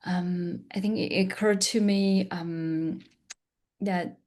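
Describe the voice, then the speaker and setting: A woman from outside the US sharing in an online group, soft-spoken and hesitant, with many pauses and fillers. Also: fairly low pitch, fairly even intonation. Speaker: workshop participant.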